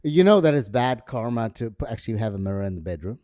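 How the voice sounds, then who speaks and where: A man's voice: mid-range voice, lively intonation, fast, dark tone. A man with a South African accent, co-hosting a casual podcast chat and often repeating words while he searches for them. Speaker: podcast co-host.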